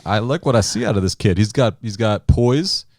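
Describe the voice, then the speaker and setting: A man's voice: fairly low pitch, normal speed, dry recording, studio quality. A man co-hosting a casual sports podcast, joking and laughing as he recaps scores. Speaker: podcast co-host.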